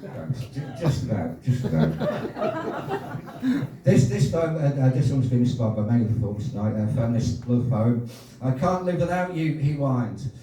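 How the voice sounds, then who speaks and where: A man in his sixties performing his own rhyming poems at an open-mic night, with halting, chatty asides between pieces and casual swearing. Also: mid-range voice, big pitch swings, crowd noise. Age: 60s. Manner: rhythmic rhyming delivery, hesitant rambling asides, swears. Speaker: performance poet. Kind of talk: live poetry reading with chatty asides. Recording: very echoey room, distant, faint noise.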